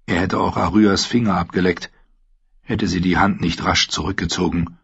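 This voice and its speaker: A man narrating an audiobook in a steady, measured reading. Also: low voice, vocal fry, husky, no echo. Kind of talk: scripted narration. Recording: dull lo-fi sound.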